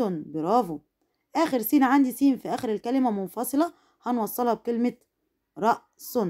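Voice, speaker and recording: A woman with an Egyptian Arabic accent teaching first graders letter sounds, stretching syllables slowly and praising the pupils. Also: fairly high pitch, warm tone. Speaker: primary school teacher. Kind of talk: first-grade phonics lesson.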